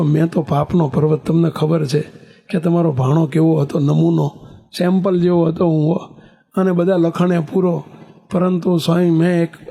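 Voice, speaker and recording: A man's voice: on the high side, gravelly, dark tone. A man voicing a repentant, wayward young man who pleads humbly and rambles as he tells his story. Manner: pleading, rambling, self-mocking.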